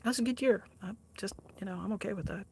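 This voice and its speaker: An art livestreamer in her sixties chats with viewers, answering their comments, laughing often, and making fun of herself, with frequent restarts. Her mid-range voice is quick, a little mellow, and slightly rough.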